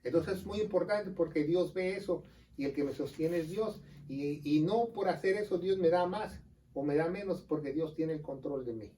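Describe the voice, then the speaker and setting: A man's voice: a little high, warm tone, far from the mic, a little hiss or hum, rough recording. A man with a Mexican accent, a pastor teaching scripture in an earnest, casual conversation on a religious show. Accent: Mexican Spanish. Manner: earnest, explains scripture, quick aside jokes.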